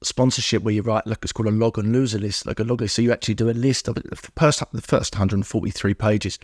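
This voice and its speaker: A man's voice: lowish voice, fairly even intonation, fast talker, dry recording. A man as a podcast guest, speaking candidly about recovery, with many restarts and fillers in an earnest, searching way.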